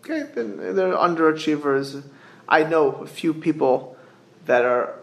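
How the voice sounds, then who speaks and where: A middle-aged man with gives an informal religious sermon, haltingly repeating phrases and posing rhetorical questions. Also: a little high, expressive, creaky. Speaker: rabbi giving a religious class. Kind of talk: informal sermon, explaining texts with anecdotes. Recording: echoey room.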